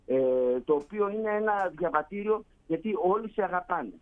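A man's voice: high-pitched, narrow, tinny audio. A man from Greece chatting casually, telling stories and acting out quoted dialogue. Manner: storytelling, acts out quoted dialogue. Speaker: guest, Greek living in Canada. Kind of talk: casual chat.

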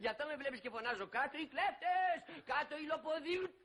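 A man's voice: extremely high pitch, expressive, fairly bright tone. An actor playing a tipsy, overly honest man who mocks a general in a teasing singsong.

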